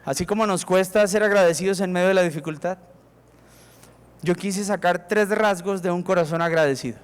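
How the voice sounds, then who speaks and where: A pastor with a Colombian Spanish accent preaches emphatically, acting out prayers to God. His high-sitting voice is brisk, clear, and resonant in a reverberant hall.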